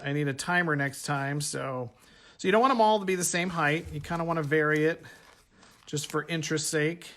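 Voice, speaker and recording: This man teaches painting from a table in his home art workspace, his voice a little high and somewhat bright. As an art instructor he's relaxed and chatty, voicing his thoughts while working and revising what he says.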